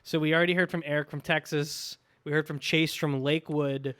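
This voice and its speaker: A man co-hosting a podcast in casual banter, excitable and prone to bursting into shouts. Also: a little high, a little fast, clear, resonant tone. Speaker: podcast co-host. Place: back of a car.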